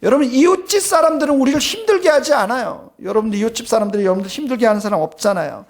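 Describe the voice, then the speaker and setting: A man's voice: very high-pitched, rapid-fire. A male pastor delivering a sermon, speaking emphatically and turning often to address the congregation, with plain personal stories mixed in. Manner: tells personal anecdotes in a plain conversational tone.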